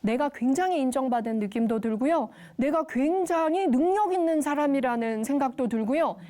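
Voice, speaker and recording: 청중에게 묻는 조금 높은 여성 강연자. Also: female voice, high-pitched, fairly quick. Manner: engaging, quizzes the audience and leads group reading; acts out everyday quotes in lively voices. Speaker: lecturer. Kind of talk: TV lecture to a studio audience.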